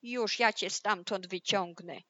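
A woman voicing a hungry, furious male wolf in a storybook reading, with loud, menacing shouts. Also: high voice, expressive, a little slow, highs cut off, voice pushed up.

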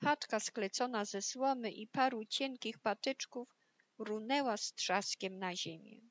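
A woman reads a children's fairy tale aloud in a calm, unhurried voice. She takes her time over each phrase. The recording has a dull, muffled sound. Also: a little high. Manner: calm, measured storytelling. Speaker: narrator. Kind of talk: storybook reading.

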